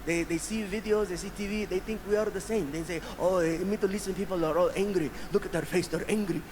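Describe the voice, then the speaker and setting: A man's voice: high voice, fairly even intonation, fast talker, close to an everyday voice, rough recording. A man on stage voicing an emotional local, pleading and repeating himself with hesitant fillers. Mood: earnest. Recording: live stage recording with crowd noise.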